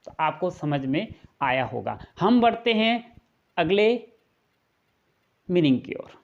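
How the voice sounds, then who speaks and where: Speaking slowly in a slightly high, sing-song, creaky voice, a man gives a video lesson on English pronunciation, classroom style. The audio sounds dull. He goes step by step with patience, repeating points and throwing in rhetorical questions.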